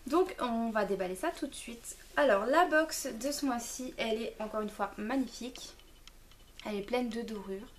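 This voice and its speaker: Young woman vlogger, casual hesitant chatter, slightly high voice, recorded on a home camera set a bit far off with faint hiss. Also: normal speed. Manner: chatty, hesitant with many fillers. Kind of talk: casual unboxing chat. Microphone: camera mic, a little far.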